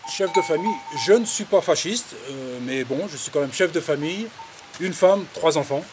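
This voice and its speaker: With a fairly high voice at a moderate pace, a fiftysomething man from the Paris suburbs talks about his life as a farmer. The interview is casual and autobiographical, and he wanders through anecdotes in a hesitant, colloquial way. Background hiss is clearly audible.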